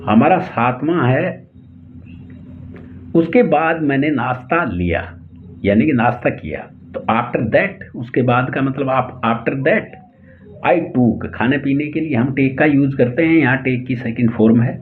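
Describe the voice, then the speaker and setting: A man with an Indian accent teaching English tenses in Hindi, slowly spelling out each example sentence word by word. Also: mid-range voice, animated. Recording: tinny phone-like lo-fi audio, faint hiss.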